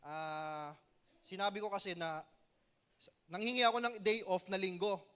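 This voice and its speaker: Bright-voiced young male youth pastor preaching. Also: sits high, moderate pace, clean tone. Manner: preachy, asks the crowd "Amen?" often; animated storytelling with joking asides. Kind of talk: youth sermon.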